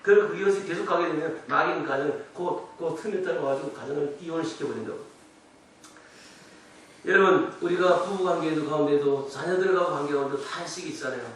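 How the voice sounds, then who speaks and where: A man preaching a revival sermon, impassioned, moving between soft pleading and loud emphatic shouting. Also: fairly high pitch, fairly quick, a little hiss or hum. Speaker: pastor. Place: church sanctuary. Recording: echoey church room from a distance.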